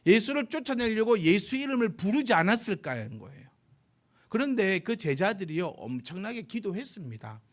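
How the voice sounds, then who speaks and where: A man preaching a Sunday sermon in a slightly high voice with a very lively, swooping pitch. He acts out the voices of the people he quotes and jokes at his own expense. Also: normal speed. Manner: self-deprecating humor. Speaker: pastor.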